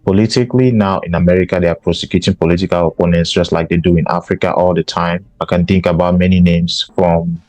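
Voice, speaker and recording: A man's voice: low-pitched, steady tone, quick pace, few pauses, darkish tone, no echo, muffled recording. A man from Cameroon, hosting a podcast and giving an emphatic political commentary monologue. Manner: emphatic, repeats himself for stress. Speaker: podcast host.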